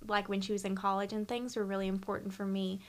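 A woman's voice: medium pitch, little pitch movement, quick pace. A young woman guest talking casually and earnestly, with lots of ums and likes. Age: young adult. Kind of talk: casual conversation.

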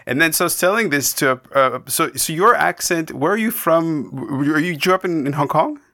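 On his podcast, a man from Canada rambles through a casual interview chat in a brisk, expressive voice on the high side that sounds pushed and bright. His talk is full of restarts and tangents.

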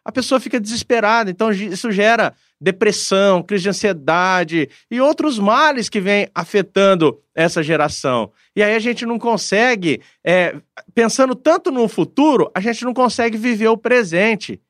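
Man, high-pitched, earnest conversational guest, dry close recording. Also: lively intonation, moderate pace, fairly bright tone, no room sound. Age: adult, father of a daughter. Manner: earnest, reflective, frequent hesitations. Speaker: guest speaking with a pastor. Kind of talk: casual conversational talk.

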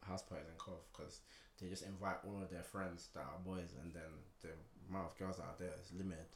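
A man's voice: deep voice, level tone, a little fast. A young man with a London roadman accent, telling colourful stories in street slang during a casual group chat. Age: young adult. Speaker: podcast co-host.

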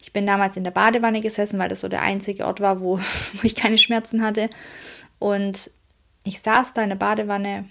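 A woman coach tells a personal story to her audience, emotional and direct, often turning to address her listeners. Her voice has a steady, gravelly vocal fry running through it. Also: medium pitch, moderate pace. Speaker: self-employed coach.

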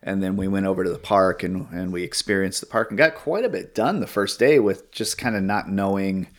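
A man's voice: sits low, brisk. A man hosting a podcast, telling a story in a rambling, hesitant way over casual chat. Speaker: podcast host.

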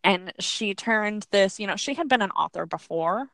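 A woman's voice: medium pitch, expressive, moderate pace, gravelly, fairly bright tone, no echo. A woman hosting a casual chat show, rambling informally in a slightly wheezy voice as if a little unwell. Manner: rambling, informal, laughs easily. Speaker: podcast host.

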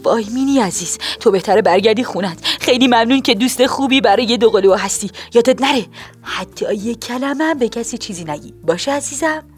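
A woman's voice: on the high side, animated, husky, soft background music. A woman voicing a motherly hyena mother in a storybook, fussing and soothing. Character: motherly hyena mum posing as human.

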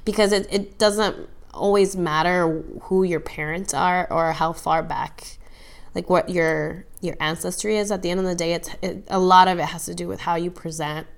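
Soft-spoken woman podcast co-host. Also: fairly low pitch, steady tone, normal speed. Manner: thoughtful, hesitant with many fillers and restarts. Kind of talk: casual podcast chat.

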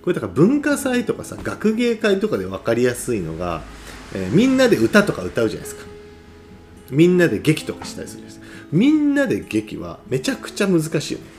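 A man giving a casual, animated talk as a play researcher, explaining ideas conversationally and often checking for agreement. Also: on the high side, fast, faint music behind. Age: adult.

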